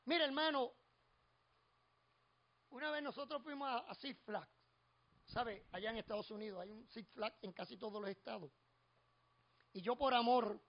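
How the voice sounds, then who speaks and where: A middle-aged man with a Puerto Rican accent preaches with a strikingly high voice. He tells homely stories and climbs into fervent, repeated refrains. The recording sounds dull and lo-fi. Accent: Puerto Rican Spanish. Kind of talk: expository sermon with personal stories.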